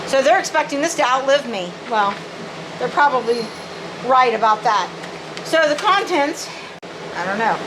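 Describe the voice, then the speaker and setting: A high-pitched woman chats excitedly to her viewers while unboxing in her home kitchen, calling them "guys" and gushing over every piece. A clear, steady background hum runs under her home-video recording. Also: moderate pace, long pauses. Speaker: unboxing vlogger. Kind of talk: casual unboxing chat to viewers.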